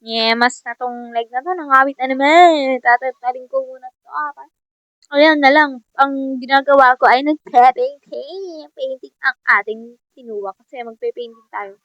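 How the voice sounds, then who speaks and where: This gaming vlogger, a young woman with a high, slightly bright voice at normal speed, playfully chats to her viewers and herself as she plays, laughing often. The dry recording sounds dull and lo-fi.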